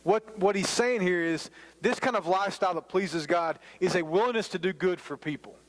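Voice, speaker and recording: A man's voice: sits high, a little fast, poor audio. A man in his forties preaching a sermon as a pastor, talking in a conversational, self-deprecating way with rambling asides. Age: 40s.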